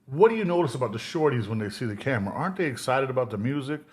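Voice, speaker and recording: A man's voice: medium pitch, big pitch swings. Brief: male interviewer, mid-range voice, hypes his guest, casual chat. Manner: upbeat, hyping the guest, quick affirmations.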